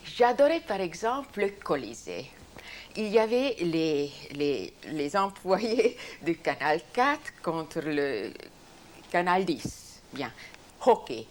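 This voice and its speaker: An older woman with a European French accent, telling stories in an interview in a spontaneous, animated way with frequent restarts. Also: lowish voice, slow pace, slight background noise. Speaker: interviewee, former TV host. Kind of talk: reminiscing interview.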